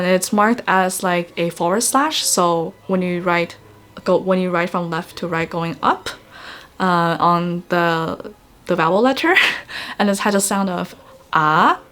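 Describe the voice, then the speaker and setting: Giggly woman teaching pronunciation. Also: mid-range voice. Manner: giggly, chatty, many fillers; stretches demo sounds, asks viewers to repeat. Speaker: YouTube language tutor. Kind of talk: casual pronunciation lesson.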